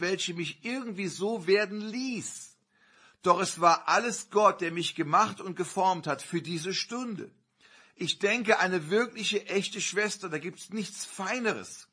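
A man preaching a sermon, telling a personal story earnestly with sudden loud surges. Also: sits high, slightly rough.

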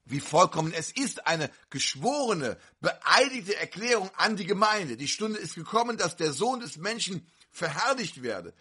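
A man preaching a fervent sermon to a congregation, with sudden loud outbursts. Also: high voice, very animated, moderate pace, hardly any pauses, husky.

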